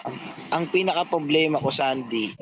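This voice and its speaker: A man's voice: fairly high pitch, moderate pace, muffled recording, background noise. A man telling a long, rambling, profane story in a casual chat, quoting himself and others.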